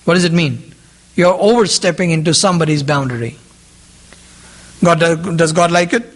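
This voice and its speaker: At a moderate pace and in a slightly high voice, a man gives a sermon to a group in English, his second language. He repeats key phrases and asks his listeners questions.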